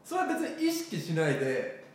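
A man's voice: high voice, huge pitch swings, normal speed. A man co-hosting a casual talk, dropping in short easygoing remarks and questions. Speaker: co-host. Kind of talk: casual chat. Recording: very roomy echo.

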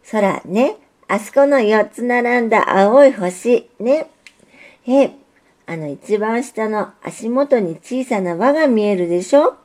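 A woman's voice: fairly high pitch, animated, takes it slowly, darkish tone, pitched above the performer's own voice. A woman voicing an earnest, lovesick young male railway signal in a storybook reading, pleading and eager. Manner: pleading, eager, repeats himself.

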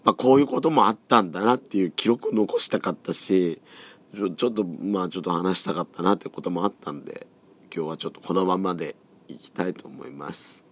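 A hoarse man around forty with a cold, hosting a casual solo podcast, chatty and rambling, often letting his voice drop and trail off. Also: low voice, fast talker. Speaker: podcast host.

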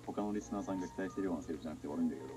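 A man who is a guest in a casual chat, relaxed and quick, sometimes switching to English. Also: sits low, over music. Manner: relaxed, speaks quickly, slips into English lines.

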